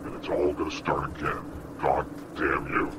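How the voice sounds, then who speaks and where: A man's voice: very deep voice, monotone, moderate pace. Man playing a frantic caller through a voice changer. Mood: frantic warning. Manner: urgent, pleading, swinging from hushed to shouting. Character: frantic anonymous male caller, warning desperately. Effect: electronic voice changer. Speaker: anonymous caller. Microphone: phone. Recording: noisy late-night phone call.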